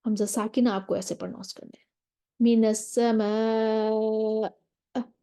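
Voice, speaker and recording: A woman's voice: mid-range voice, fairly even intonation, brisk, creaky, mellow, breathy edge. A woman teaching Quran recitation in an online lesson, explaining patiently step by step over a diagram and mixing in English terms.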